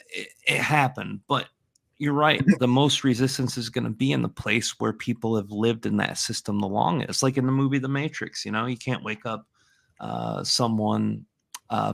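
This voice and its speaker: A man's voice: lowish voice, vocal fry, a bit bright, dry recording. A man in his forties hosting a spiritual podcast, talking in a reflective, meandering way with many fillers. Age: 40s. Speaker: podcast host and channeler. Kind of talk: casual conversation.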